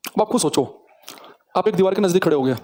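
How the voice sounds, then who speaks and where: A man teaching a physics lesson, dictating key sentences slowly and repeating them, then explaining directly to his students. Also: high voice, lively intonation, warm tone.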